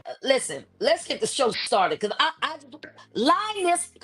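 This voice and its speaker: A woman's voice: high-pitched, very animated, a little slow, a crowd in the background. A woman calling in to a live show over a glitchy online connection that makes her voice sound robotic, talking heatedly, repeating herself and muting her own swearing. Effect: robotic, glitchy sound from a cutting-out online connection. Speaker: call-in guest on a live show. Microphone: remote online call.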